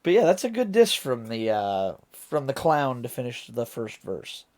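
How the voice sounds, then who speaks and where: A man's voice: medium pitch, sing-song, normal speed. American man, casual rambling reaction commentary. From Ohio, United States. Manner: rambling, thinking aloud. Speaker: reaction video host.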